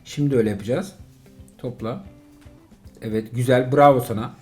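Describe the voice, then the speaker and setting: A middle-aged man, a father, playing a mobile driving game with his son and commenting casually, excitable and exasperated by turns, full of jokes. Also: mid-range voice, moderate pace, soft background music.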